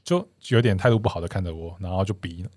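A man's voice: low-pitched, fast, a little mellow, no echo. A young man hosting a casual podcast chat, telling stories animatedly, acting out quoted lines with many restarts. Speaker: podcast host.

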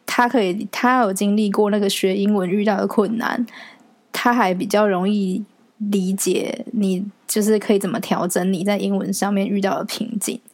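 A woman's voice: medium pitch, moderate pace, dry recording. A young Taiwanese woman hosting a solo podcast, chatting casually and telling stories with a laugh. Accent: Taiwanese Mandarin. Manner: chatty, animated storytelling with frequent laughs. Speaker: podcast host.

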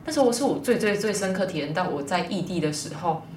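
A young woman, a guest telling a personal story in a rambling, lively way. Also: fairly low pitch, fast talker, a little hiss or hum. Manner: rambling, lively retelling with quoted dialogue. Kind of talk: casual storytelling in an interview. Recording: distant mic, roomy echo.

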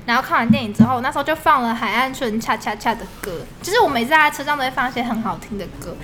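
A woman's voice: a little high, very fast, bright, forceful tone, slight background noise. A young woman with a Taiwanese Mandarin accent, co-hosting a podcast and telling a story in casual chat, laughing often. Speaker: podcast co-host.

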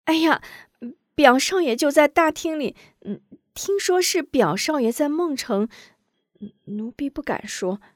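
Brief: timid young maid, put on by a female storyteller, high and flustered, stumbling over her words. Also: expressive, no echo, clean studio sound. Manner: stammering, hurried. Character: anxious young maidservant girl, timid and flustered.

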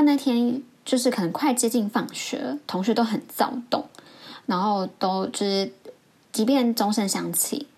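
A woman hosting a podcast, telling a story from her school days in a reflective way and acting out the people she quotes. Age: adult. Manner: reflective, acts out quoted voices with rising pitch. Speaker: podcast host. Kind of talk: storytelling a childhood memory.

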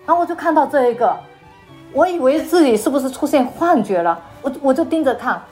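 Halting woman telling her faith story. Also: sits high, expressive, darkish tone, faint music behind. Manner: halting, repeats words and restarts often. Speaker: interview guest. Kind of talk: personal faith testimony.

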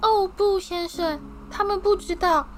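A woman voicing a small, servile male house-elf with a high, shrill, squeaky voice and an overwrought, deferential manner. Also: fairly even intonation, a little slow, a little hiss or hum. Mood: anxious.

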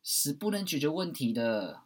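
A man giving a blunt, preachy monologue, swearing at times and swinging between loud outbursts and hushed asides. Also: a little high, big pitch swings, normal speed, slightly rough. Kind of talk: impassioned monologue.

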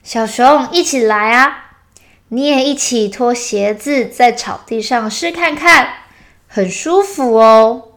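A woman's voice: on the high side, slow pace, fairly bright tone, pitched above the performer's own voice. A woman voicing a coaxing mother bear. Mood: inviting. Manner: coaxing, inviting. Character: gentle, cheerful mother bear. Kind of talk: children's storybook reading.

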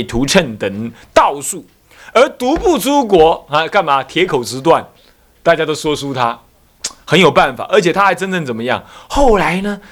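A man's voice: fairly high pitch, fairly bright tone. A man, a Buddhist abbot giving a dharma talk, telling a story with rhetorical questions and acted-out voices.

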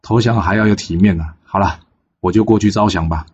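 A man voicing a shrewd, good-humored older strategist in a storybook tale, calm and knowing. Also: on the low side, brisk, highs cut off, slight background noise, natural voice.

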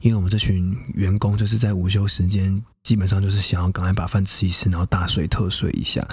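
Husky low-voiced man telling a story. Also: flat delivery, fast talker, dry recording, clean studio sound. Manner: frank, profane, chatty with many fillers. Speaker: podcast host. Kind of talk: casual first-person storytelling.

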